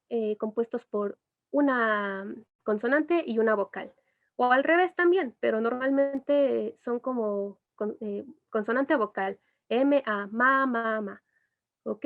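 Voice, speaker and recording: A woman, an educational psychologist, giving a patient explanatory talk full of little asides. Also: fairly high pitch. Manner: patient, explains with asides and imitated baby sounds. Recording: tinny phone-like audio.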